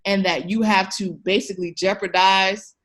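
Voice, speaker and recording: Her medium-pitched, slightly bright voice holds a steady tone at normal speed. She's a podcast guest and education researcher who speaks conversationally to the listener, emphatic and encouraging.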